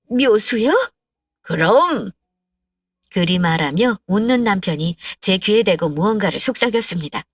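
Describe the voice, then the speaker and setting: A woman narrating a first-person story with a calm, heartfelt delivery. Her voice sits at a middle pitch, set back from the microphone. The sound is dry, with no room echo. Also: recorded from a distance.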